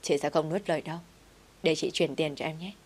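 A well-off woman who speaks bluntly and teases, with a low, steady voice. A woman reads her lines in a story narration. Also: brisk, husky. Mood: eager.

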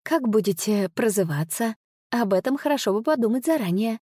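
A woman's voice: fairly high pitch, lively intonation, a little fast, warm tone, no room sound, studio quality, pitched above the performer's own voice. A woman voicing a playful young woman who teases her companion with mock sternness, in a storybook reading. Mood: teasing. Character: playful teasing young woman, easily frightened.

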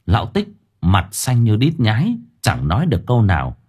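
Expressive husky male audiobook narrator. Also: lowish voice, a little fast. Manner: expressive storyteller. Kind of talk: storytelling narration.

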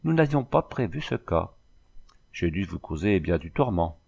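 A man voicing a gentle but bossy young woman nursing a patient, in an audiobook reading. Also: deep voice, very animated, moderate pace, vocal fry, breathy edge, full character voice. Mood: coaxing, bossy. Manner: softly commanding, coaxing.

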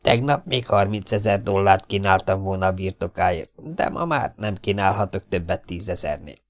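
A man voicing a smug, scheming male blackmailer in an audiobook, with smooth, menacing persuasion. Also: sits low, animated. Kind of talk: audiobook character voice.

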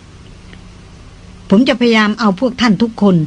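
A reader voicing a polite male jungle guide in an audiobook, calm and reassuring in manner. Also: extremely high pitch, takes it slowly, breathy edge, voice pushed up, exaggerated voice. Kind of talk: audiobook dialogue.

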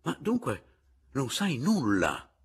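A man voicing an excitable middle-aged man who exclaims in a high, loud voice and keeps repeating himself, in a husky tone. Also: slow, heavily acted. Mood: alarmed. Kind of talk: audiobook character voice.

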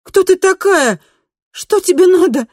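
A woman voicing a frightened teenage girl who cries out in panic, shrill and desperate. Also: expressive, drawn-out words, fairly bright tone, dry recording, clean studio sound, full character voice. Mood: panicked.

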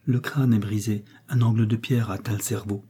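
A man voicing a grave, compassionate country doctor in a storybook reading, speaking in a measured, gentle way. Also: fairly low pitch, fairly even intonation, slightly rough.

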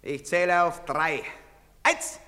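Brutal soldier bully: high, swooping voice, very bright and harsh, long reverb. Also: male voice, steady tone, slow. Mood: barking. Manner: shouting curt orders, mocking. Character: brutal barking man, soldier rounding up townsfolk. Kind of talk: 1950s German radio play.

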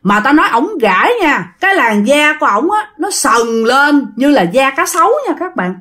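A woman's voice: sits high, normal speed. A woman with a Southern Vietnamese accent telling a ghost story, talking straight to her listeners. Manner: animated, addressing listeners directly.

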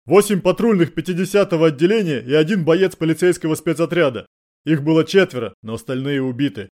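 A man's voice: fairly high pitch, quick pace, a little mellow, lightly acted. A man voicing a shaken, bloodied male police sergeant who reports in an agitated way. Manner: agitated, pleading.

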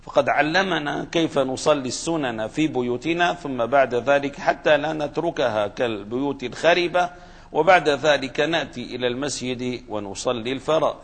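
A man's voice: mid-range voice, a little fast. A man giving a religious lesson on hadith commentary, explaining patiently and spelling out the vowels of names with care. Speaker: religious teacher. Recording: reverberant hall.

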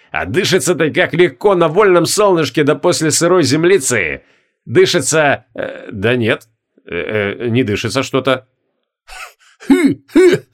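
A man's voice: a little high, a bit bright. A man voicing a jovial, folksy old undead marshal who speaks in rustic turns of phrase and barks commands at his troops. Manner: folksy rustic speech, gruff barking commands.

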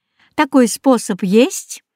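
A woman voicing a wise old male house cat in an audiobook story, calm, knowing and decisive. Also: fairly high pitch, takes it slowly, no echo, clean studio sound, pitched above the performer's own voice.

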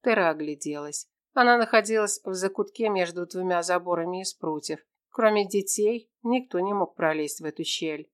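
A woman's voice: on the low side, normal speed, few pauses. Woman reading a fantasy story aloud. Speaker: audiobook narrator. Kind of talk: scripted storybook narration.

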